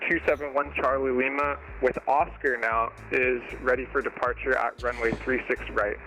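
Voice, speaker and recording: A man's voice: mid-range voice, flat delivery, moderate pace, pushed and bright, low-quality recording. Man on a cockpit headset radio. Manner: clipped, procedural. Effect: pilot voice heard over a cockpit headset radio. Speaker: pilot calling the tower. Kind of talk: radio readback in aviation phrasing.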